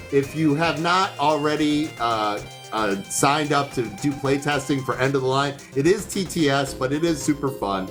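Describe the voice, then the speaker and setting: A man's voice: medium pitch, fairly bright tone. A man hosting a livestream, chatting casually in a loose, easygoing way, with many fillers and restarts. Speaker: livestream host. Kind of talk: casual chat.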